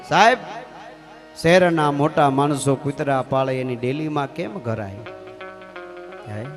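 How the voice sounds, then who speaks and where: A man with a Kathiyawadi Gujarati accent telling a folk tale live on stage, animated and often addressing the audience as sir. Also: on the high side. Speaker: folk storyteller. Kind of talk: live folk storytelling with sung verse.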